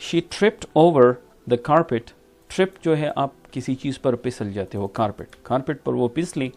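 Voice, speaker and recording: A man with a Pakistani accent teaching from an English textbook, reading each sentence slowly and then explaining it in quick bursts, often checking in with "theek hai". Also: mid-range voice, animated, darkish tone, faint music behind.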